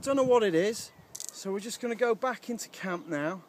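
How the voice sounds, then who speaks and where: A man's voice: sits high, expressive, moderate pace, background noise. A man in his thirties chatting casually to a handheld camera outdoors by a lake. He is upbeat and rambling, with frequent ums. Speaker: outdoor vlogger. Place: outdoors by a lake at a wild camp. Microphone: handheld camera at arm's length.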